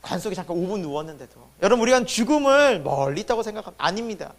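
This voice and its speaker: Male pastor, sermon, high voice, very lively intonation, loud bursts and quiet drops, church sanctuary. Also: racing. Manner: animated preaching with sudden drops to a hush; asks the congregation questions and answers them himself.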